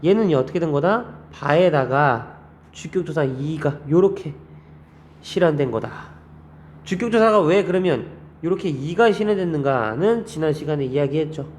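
A man teaching a class in a fairly high voice, firing rhetorical questions at his students and jumping up in pitch to stress key points. His delivery is lively and conversational, as in a classroom lecture. A faint background noise sits under the recording. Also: moderate pace. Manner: lively, animated delivery with frequent pitch jumps. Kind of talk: classroom lecture on Korean grammar.

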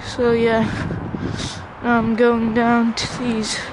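Wandering through ruins near a river and a bridge in the woods, this vlogger narrates in a hesitant, off-the-cuff way with a monotone, mid-range voice. The handheld camera's mic, held by someone behind the lens, picks up noisy outdoor sound, including passing traffic.

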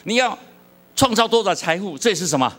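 A middle-aged pastor from Taiwan with a Taiwanese accent, preaching a sermon with humorous stories and questions to the congregation. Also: male voice, sits high, expressive, fairly quick, fairly bright tone.

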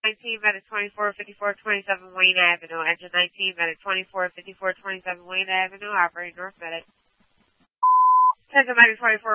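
A man's voice: sits high, no room sound. A man working as a fire dispatcher, giving procedural radio announcements and repeating each call. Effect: two-way radio. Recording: dull lo-fi fire radio audio.

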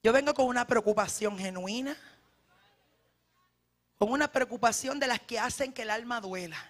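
A woman evangelist preaching a fervent sermon, often shouting, speaking straight to her congregation. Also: fairly high pitch, normal speed. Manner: direct address to the congregation.

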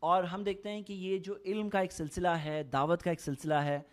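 An Islamic speaker from India, recorded in Saudi Arabia, gives an earnest religious talk with a high, level-toned voice at a moderate pace. He explains things conversationally and repeats points for emphasis.

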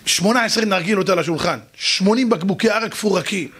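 A man, a rabbi, telling a lively story straight to his listeners and acting out other people's voices. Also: sits high, husky. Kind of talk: storytelling talk to an audience.

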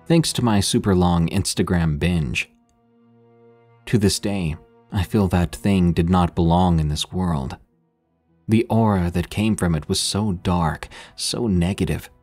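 A man narrating first-person horror stories in a steady, measured way. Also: sits low. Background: faint music.

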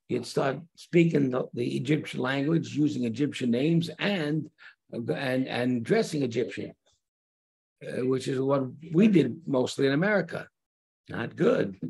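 An older rabbi teaches converts in an unhurried online Torah class over a video call, speaking from a room with large windows. His medium-pitched voice is creaky and mellow with a breathy edge, and he pauses often, using fillers and restarts.

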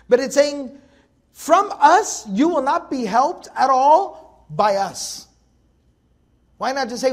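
A man teaching Quran commentary in a lecture, emphatic and conversational, driving his points home with rhetorical questions. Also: extremely high pitch. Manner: conversational, addresses listeners as folks.

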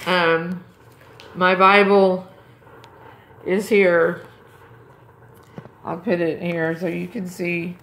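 A woman in a groggy morning voice speaks slowly and fervently, circling back on her words with emphatic bursts. Her tone is bright and forceful, and the sound rings in a roomy, echoey space. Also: fairly low pitch, little pitch movement. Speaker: Bible-reading video host. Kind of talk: casual devotional chat. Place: dark room at home.

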